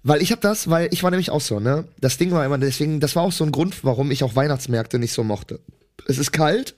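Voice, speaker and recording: A man's voice: on the high side, fast talker. A man co-hosting a comedy podcast in casual chat, rambling and slangy with crude humour.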